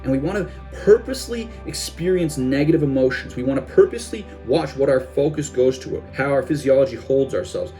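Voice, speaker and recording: A man's voice: mid-range voice, animated, brisk, hardly any pauses, mellow, faint music behind. A young man, a self-help coach, giving a casual instructional talk and now and then dropping into gloomy voices of the listener's thoughts.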